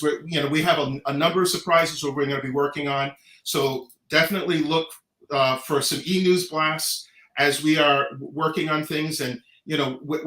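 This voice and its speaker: A middle-aged American man with a bright, fairly high voice speaks casually and earnestly. He is emphatic, repeating phrases for stress, and the sound is roomy and echoing. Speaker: Pride organizer and guest. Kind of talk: animated casual talk, earnest community advocacy.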